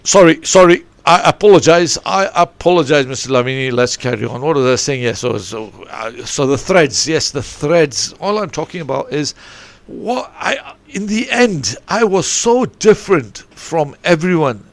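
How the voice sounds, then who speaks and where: A football coach in his forties who grew up in Eswatini delivers a rambling podcast monologue, wandering off on tangents and often restarting. His voice is a little high and animated, at a moderate pace.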